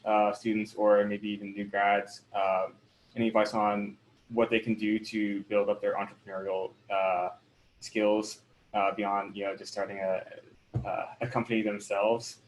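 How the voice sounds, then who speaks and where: Halting, flat-voiced male moderator. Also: on the low side, a little hiss or hum, low-quality recording. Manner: halting questions full of "um" and "uh". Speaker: panel moderator. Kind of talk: online panel discussion.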